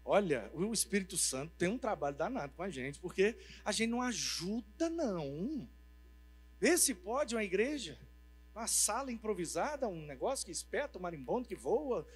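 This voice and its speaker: A man preaching a sermon, telling humorous stories in a lively, colloquial way. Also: high-pitched, moderate pace, slight background noise. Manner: lively, humorous, tells anecdotes; informal, colloquial speech. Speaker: pastor. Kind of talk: storytelling sermon. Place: church.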